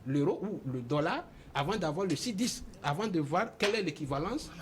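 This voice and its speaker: High-voiced Togolese man, halting talk. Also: lively intonation, slight background noise. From Togo. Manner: halting, many restarts and fillers. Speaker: panel guest. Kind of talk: TV panel discussion.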